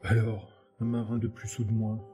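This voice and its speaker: A man's voice: on the low side, monotone, normal speed, warm tone, breathy edge, faint music behind. A man putting on a cold, sinister aristocrat. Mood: menacing. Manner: cold, cutting.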